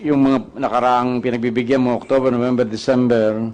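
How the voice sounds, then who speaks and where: A man's voice: mid-range voice, flat delivery, fairly quick, darkish tone. Man pressing a witness with questions. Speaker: questioning lawmaker. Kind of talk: hearing interrogation.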